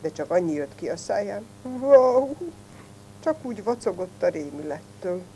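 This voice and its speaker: A woman reading fairy tales aloud as a storyteller, in a lively, expressive manner. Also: lowish voice, a little hiss or hum.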